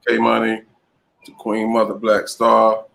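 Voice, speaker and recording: Gravelly-voiced male show host. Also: fairly low pitch, monotone, a little slow, poor audio. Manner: warmly thankful, wrapping up the show. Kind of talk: casual live show hosting.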